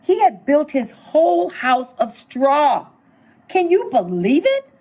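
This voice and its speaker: Narrating as the wolf, a middle-aged woman who is a school superintendent reads a children's book aloud with expressive storytelling. She takes it slowly, her voice high-pitched.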